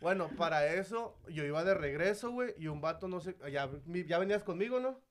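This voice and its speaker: A young Mexican man talks quickly, with a slightly raised pitch. He rattles off a slangy story to his friends. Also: expressive. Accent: Mexican Spanish. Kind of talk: casual chat among friends.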